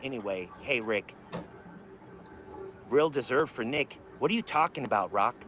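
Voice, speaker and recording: A man's voice: mid-range voice, expressive, normal speed, noisy background. Profane, heated male live streamer. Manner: talks straight to chat viewers. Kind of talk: casual live stream rant.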